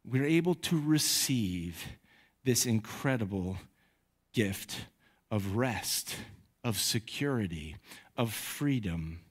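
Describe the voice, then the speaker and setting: A man in his thirties preaching a sermon on a microphone in a church, conversational and animated when he tells stories. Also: mid-range voice. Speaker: pastor. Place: church sanctuary. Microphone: handheld or headset mic.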